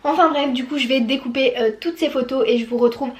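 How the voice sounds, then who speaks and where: A woman's voice: sits high, fast talker. An eighteen-year-old woman chatting casually in a vlog, with many fillers and restarts. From France. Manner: reads English quotes with a French accent. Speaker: YouTuber. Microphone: phone camera.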